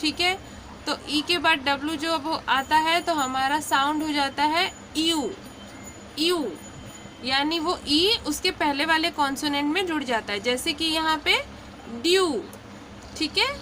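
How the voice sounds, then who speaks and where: A woman teaching English pronunciation in a patient lesson. She repeats each word slowly and checks in often. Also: sits high, bright, forceful tone, a little hiss or hum. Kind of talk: slow explanatory lesson.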